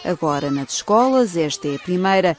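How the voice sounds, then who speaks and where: A woman with a European Portuguese accent, reading a scripted news voice-over in a measured way. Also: fairly low pitch, animated. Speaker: reporter.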